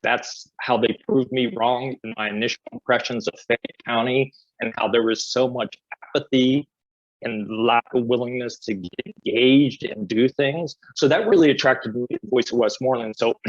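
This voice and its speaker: A man speaking as a panelist on a video call, explaining in an earnest, measured way while his audio breaks up and glitches. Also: medium pitch, no echo, lo-fi sound. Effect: choppy, breaking-up video call audio. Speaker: panelist for a community organizing group. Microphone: computer or webcam mic on a video call.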